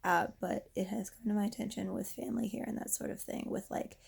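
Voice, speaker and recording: A young woman in her twenties, hoarse from losing her voice, rambling casually in a vent vlog while lying down. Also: mid-range voice, fairly even intonation, a little fast. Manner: lying down, rambling with many restarts. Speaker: vlogger.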